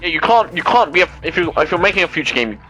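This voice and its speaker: With soft music in the background, a young gaming host with a fairly high voice talks fast over his gameplay. He rambles in animated, casual rants packed with curse words and fillers.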